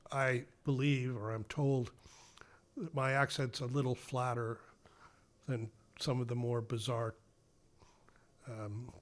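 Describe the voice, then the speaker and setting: An older man from Massachusetts with an Ipswich accent, a podcast guest telling rambling, self-deprecating stories in casual conversation. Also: medium pitch. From Massachusetts, USA.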